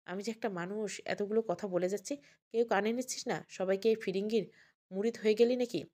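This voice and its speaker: A woman voicing a proud, scolding older mother-in-law who grumbles and is flustered but soft underneath. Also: medium pitch, fairly even intonation, brisk, lightly acted.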